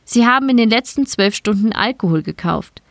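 A woman's voice: a little high, animated, a little fast, dry recording, clean studio sound. A woman reading the messages of an impersonal wrist-chip notification system, in formal announcement phrasing.

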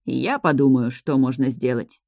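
A narrator voicing a calm, reserved middle-aged butler in a fantasy audiobook. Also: mid-range voice, moderate pace, vocal fry, dry recording, clean studio sound, close to an everyday voice.

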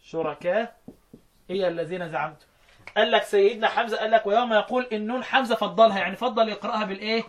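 A man with an Egyptian Arabic accent teaching Quran recitation rules, chanting verses slowly and quizzing his student. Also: high voice, highs cut off. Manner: chants quoted verses slowly, then asks quick questions.

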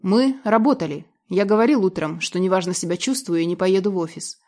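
A woman's voice: medium pitch, fairly quick, mellow, close to an everyday voice. A woman reading an icy, domineering husband. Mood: cold stern. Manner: icy, level and stern. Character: cold, calm, domineering husband.

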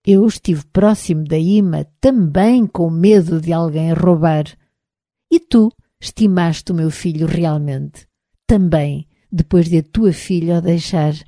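A woman's voice: fairly low pitch, unhurried, mellow, dry recording, studio quality. A woman with a European Portuguese accent reading the lines of a troubled middle-aged friend in an audiobook, murmuring and sarcastic in turn. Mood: conciliatory. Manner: murmuring, sarcastic then pleading.

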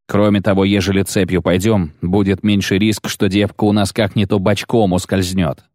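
A man reading aloud, voicing an old, superstitious male tracker who talks slowly and uneasily in a rustic way. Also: sits low, little pitch movement, a little mellow, no echo, clean studio sound, close to an everyday voice. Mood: explaining.

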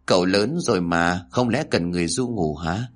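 A man's voice: low-pitched, normal speed. Man voicing a meek young wife. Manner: soft, submissive. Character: meek, obedient young daughter-in-law.

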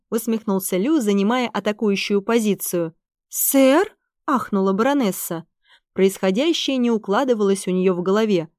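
Female narrator, expressive storyteller, dry close recording. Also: medium pitch, no room sound. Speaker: audiobook narrator. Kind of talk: scripted narration.

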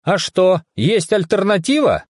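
A man voicing an eager young special forces captain in an audiobook, with a raised, excited voice. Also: high-pitched, a little slow, no room sound, studio quality, pitched above the performer's own voice, exaggerated voice.

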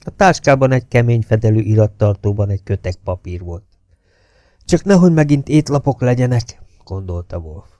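A man reading a novel aloud as an audiobook, telling it in a measured, steady way that drops to hushed tones. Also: fairly low pitch, no room sound, studio quality. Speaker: audiobook reader. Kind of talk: scripted novel narration.

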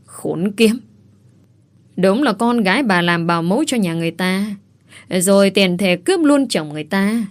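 A woman's voice: medium pitch, lively intonation, moderate pace, close to an everyday voice. A woman voicing an aggressive male thug who speaks in a contemptuous, menacing way.

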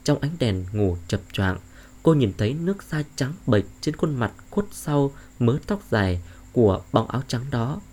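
A man's voice: medium pitch, moderate pace. A man narrating a horror story in a dramatic, suspenseful way. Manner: expressive, suspenseful.

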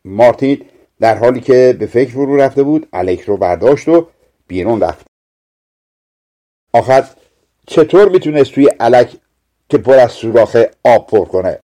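A man narrating a fairy tale audiobook in a measured, expressive reading. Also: mid-range voice. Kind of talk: scripted storytelling narration.

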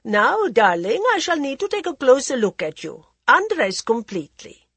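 A woman's voice: high voice, very animated, normal speed, a bit bright, husky, dry recording, pitched above the performer's own voice, exaggerated voice. A woman voicing a worldly, imperious older Indian society lady who drawls theatrically and calls everyone darling. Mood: arch, languid.

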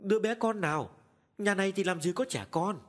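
A man putting on a shrill, nagging old wife. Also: sing-song, breathy edge. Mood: puzzled. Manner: high, loud and brisk, nagging. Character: older village wife, kind but scolding. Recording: long hall reverb.

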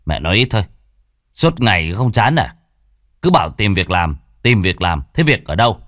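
A man's voice: lowish voice, sing-song, quick pace, a bit bright, no room sound, clean studio sound. A man voicing an idle, hot-tempered grown son in a spoken ghost story, snapping and dismissive.

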